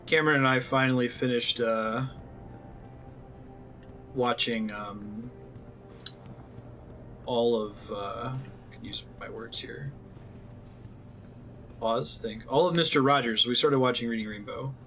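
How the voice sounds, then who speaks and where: A male streamer chatting casually over a game. His voice is medium in pitch, wry and rambling, with some music in the background. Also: slow pace, pauses often, pushed and bright. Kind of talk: casual live game commentary.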